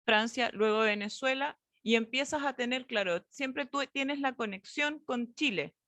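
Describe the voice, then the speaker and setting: Woman, interviewer, fairly high voice, dry room, brief follow-ups. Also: unhurried, a bit bright, no echo. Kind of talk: conversational interview.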